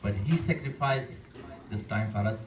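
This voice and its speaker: A man's voice: fairly low pitch, noisy background. Formal, ceremonious man giving a welcome address. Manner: formal and ceremonious, halting with pauses. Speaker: community society representative. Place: community event hall. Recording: echoey room, distant mic.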